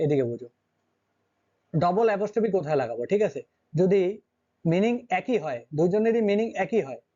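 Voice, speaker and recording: A man's voice: sits high, a little mellow, dull audio. A man teaching an English grammar lesson, constantly checking with his students through short questions.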